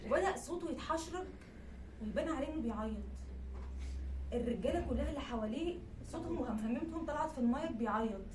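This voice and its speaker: Lively young Egyptian woman telling a story. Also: sits high, racing. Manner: lively, animated, laughing through her words. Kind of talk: live comic storytelling. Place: live storytelling event hall. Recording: echoey room, distant mic, background noise.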